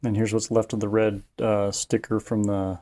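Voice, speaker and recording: In this hands-on tutorial, an installer talks through each step of a job in a relaxed, folksy, plain way. His voice sits on the low side and is warm, with a level tone and moderate pace, and the audio carries clear background noise plus occasional clicks.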